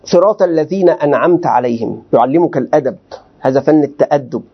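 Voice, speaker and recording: A sheikh teaching a class with a high, quick voice, firing questions at his students and answering them himself. The recording sounds dull and lo-fi. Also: breathy edge. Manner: animated, questioning students rhetorically. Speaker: sheikh teaching Quranic commentary. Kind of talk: classroom lecture.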